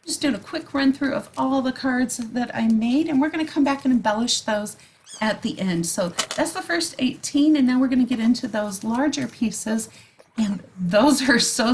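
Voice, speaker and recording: A woman's voice: fairly high pitch, normal speed. A woman hosting a casual card-making tutorial as a voice-over, chatty and giggly, with frequent ums. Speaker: card-making video host.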